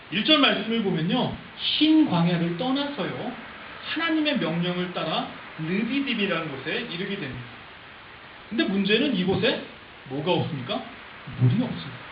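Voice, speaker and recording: A man, a pastor, preaching a sermon who raises his voice to shout out the crowd's complaints. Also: high-pitched. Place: church sanctuary. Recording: roomy, slightly dull church recording with hiss.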